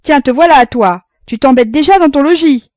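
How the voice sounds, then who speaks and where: A woman reading an audiobook voices a blustering old father who bellows with gruff impatience. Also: medium pitch, lively intonation, brisk, dark tone, dry recording, studio quality, close to an everyday voice. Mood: shouting.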